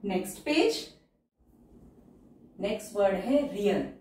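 A woman teaching shorthand, explaining each outline step by step and repeating every word slowly and carefully. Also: mid-range voice, very animated, darkish tone, recorded from a distance. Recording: very echoey room, voice from off the mic.

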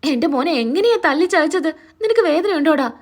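A woman's voice: high voice, lively intonation, brisk. A woman voicing an emotional older sister who frets over her brother and scolds her family. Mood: distressed.

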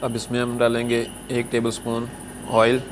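A chef talks through a stir-fry step by step in a level, unvaried voice. He speaks calmly and keeps saying "achha ji" between steps. Loud sizzling from the frying pan runs under his voice. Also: medium pitch, normal speed, a little hiss or hum. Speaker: cooking show chef. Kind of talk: step-by-step cooking instruction. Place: restaurant kitchen at a gas stove.

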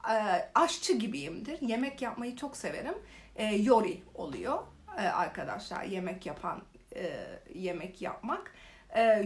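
Lively, high-voiced young woman storyteller. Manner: animated, exaggerated retelling with laughs. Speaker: vlogger. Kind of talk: casual storytelling vlog. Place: living in Korea.

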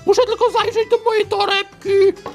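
A man voicing a tiny chirpy toy pony in a squeaky, playful falsetto. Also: level tone, normal speed, over music. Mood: teasing.

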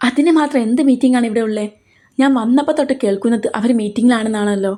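A woman's voice: a little high, fast talker, warm tone, close to an everyday voice. Woman reading a tearful young heroine. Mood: angry. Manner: emotional, pleading. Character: tearful, hot-tempered young woman in love.

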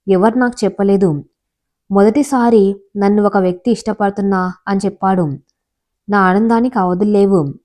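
A young woman telling a first-person moral story in a calm, confiding tone. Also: medium pitch.

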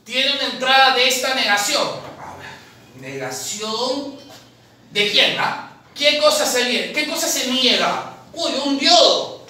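Speaking slowly in a very high voice, a man teaches logic at a classroom chalkboard as a math tutor for an admissions academy, solving exam problems. He's lively, posing questions and answering them himself and calling the viewer "papi," captured by a far camera in a very echoey room with faint noise.

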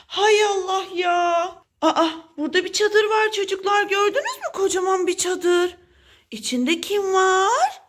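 A woman telling a playful toy story for children, animated and exclaiming often as she speaks straight to the kids. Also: very high voice, unhurried, a little hiss or hum. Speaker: children's toy-play presenter.

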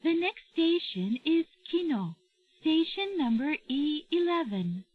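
Slow, high onboard train announcement voice. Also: female voice, sing-song. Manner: slow, carefully enunciated, formal. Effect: played over a train loudspeaker. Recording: dull lo-fi train audio.

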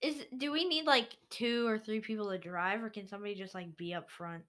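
A woman's voice: mid-range voice, brisk, fairly bright tone. A young woman playing a tabletop game, casual, giggly and a little hesitant. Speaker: player.

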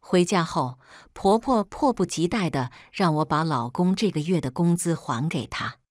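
A woman narrating a first-person story in a steady, cool storytelling manner. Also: on the low side, normal speed, dry recording, studio quality.

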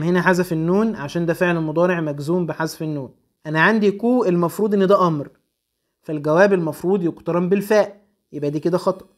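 A young man with an Egyptian accent, teaching an Arabic grammar lesson and working briskly through exam exercises, slowing to stress each answer. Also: high-pitched. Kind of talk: recorded exam-prep lesson.

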